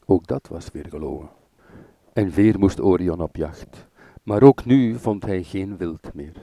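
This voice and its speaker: A man reading a myth aloud as a serial storyteller, calm and measured. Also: low voice, vocal fry, no room sound.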